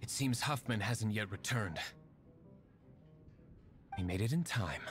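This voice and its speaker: A man's voice: lowish voice, measured pace, faint music behind. Diluc, an aloof, sardonic nobleman. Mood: brisk, dismissive. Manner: dry, deadpan sarcasm. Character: cool, aloof, sardonic young nobleman vigilante in fantasy. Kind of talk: video game voice acting.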